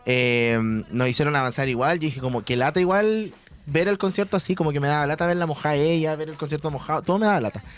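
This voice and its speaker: Young Chilean guy, co-host on radio; quick, lively storyteller who acts out voices. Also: a little high. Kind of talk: casual chat.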